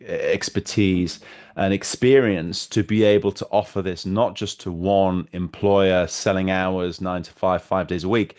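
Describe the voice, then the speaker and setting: A man hosting an interview podcast, speaking with a fairly low voice. His questions run long and wander, and he often restarts on repeated words before finding his point. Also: a little mellow. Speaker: podcast host.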